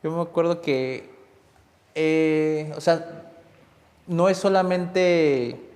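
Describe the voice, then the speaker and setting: A man's voice: fairly high pitch, fairly even intonation, extremely slow, darkish tone, long reverb tail. A man hosting a podcast, chatting casually with lots of filler tags and rephrasing. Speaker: podcast host. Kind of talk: casual interview.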